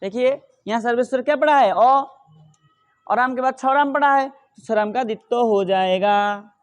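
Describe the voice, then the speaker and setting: A middle-aged man teaching Sanskrit grammar, asking questions and answering them himself, reciting the rules slowly. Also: extremely high pitch, clear, resonant tone. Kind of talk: explaining grammar rules in a lesson.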